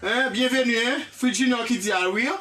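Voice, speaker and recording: An English teacher with a Haitian accent giving a live online lesson, animated and repetitive, often checking in with the class and praising viewers by name. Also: mid-range voice, moderate pace, far from the mic, slight background noise. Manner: animated, repetitive, checks in with "hein?" and "vous comprenez?".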